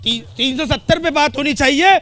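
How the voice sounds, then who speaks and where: A man's voice: extremely high pitch, normal speed, fairly bright tone. A man from the crowd making a heated, insistent point. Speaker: crowd speaker in a debate.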